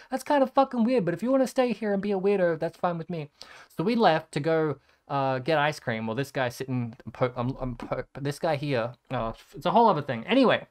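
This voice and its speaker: Smooth-voiced young man telling rambling stories. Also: mid-range voice. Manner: rambling, sarcastic, swears freely. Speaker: content creator. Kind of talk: casual storytelling over photos.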